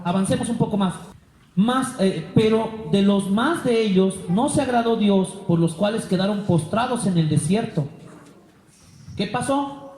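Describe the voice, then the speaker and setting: A high-voiced man with a Bolivian accent preaches a lively sermon and acts out the people in his Bible stories. His tone is mellow, and his words ring through a roomy church hall with a long echo. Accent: Bolivian Spanish. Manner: preaching with acted-out Bible voices, rhetorical questions. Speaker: pastor. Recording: echoey hall.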